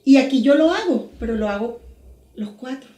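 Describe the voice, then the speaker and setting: A Venezuelan woman in her forties, a podcast guest telling her story in a lively, animated way with little sound words. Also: sits high, moderate pace, reverberant. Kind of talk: casual podcast interview.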